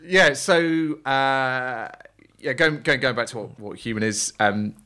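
A man's voice: medium pitch, slow pace, sharp tone, smooth. A man, a guest on a podcast, chatting casually and rambling with plenty of fillers and restarts. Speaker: podcast guest, agency founder. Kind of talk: casual chat.

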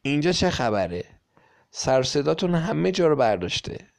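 A man voicing a stern, annoyed school teacher in a storybook reading, with a gravelly voice. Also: on the low side, a little mellow.

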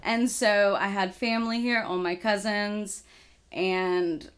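A woman's voice: mid-range voice, steady tone, slow pace, clear, resonant tone. A young woman in her twenties from Texas, a guest in a casual interview, telling her family story in a rambling, chatty way.

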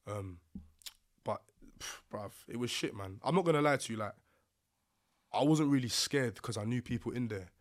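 A man with a London accent tells a personal story in a casual podcast setting. His delivery is roadman street talk, thick with slang, and his voice sits at a medium pitch. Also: animated, moderate pace, pauses often. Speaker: podcast guest.

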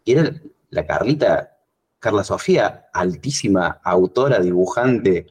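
An Argentine man chatting casually as a podcast guest, rambling and animated as he tells stories. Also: measured pace, husky. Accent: Argentine Spanish. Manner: rambling storyteller, animated when recounting, lively pitch jumps. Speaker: guest cartoonist.

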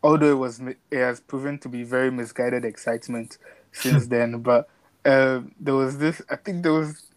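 A man's voice: medium pitch, steady tone, normal speed, no echo, rough recording. Casual podcast guy talking football, chatty, laughs a bit, dry close mic. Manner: chatty, laughs while telling stories. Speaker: podcast co-host.

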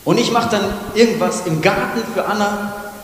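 A man with a northern German accent preaches with passion, his fairly high voice pressing hard, then sinking to a near-hush. The sound rings through a long, echoing church hall. A faint hiss sits under the recording. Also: normal speed. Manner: impassioned preaching that swings between loud urging and hushed, soft passages. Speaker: pastor. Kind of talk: sermon. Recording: echoey reverberant church hall with faint noise.

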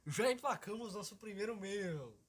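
A man with a southern Brazilian gaúcho accent co-hosting a podcast, telling wry jokes in a deadpan way. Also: high-pitched, moderate pace, breathy edge. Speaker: podcast co-host. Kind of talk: casual chat.

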